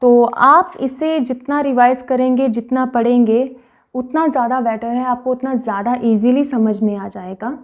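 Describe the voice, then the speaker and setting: High-pitched woman teaching Korean patiently. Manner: patient, repeats practice words slowly, frequent "okay". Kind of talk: explanatory online lesson.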